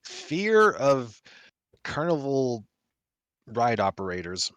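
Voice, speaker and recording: A man's voice: mid-range voice, sing-song, slow pace, a bit bright, no echo. A man co-hosting a live game stream, chatting casually, musing aloud and laughing often. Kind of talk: casual chat.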